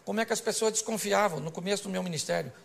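A man's voice: high voice, racing, gravelly, a bit bright. A man preaching an extroverted, joking sermon to a church congregation. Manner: extroverted, joking, acts out voices. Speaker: pastor. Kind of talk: humorous sermon.

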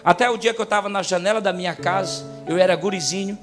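A man preaching a sermon as a pastor, telling stories and swinging from soft talk to loud preaching. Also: sits high, fast talker. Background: music.

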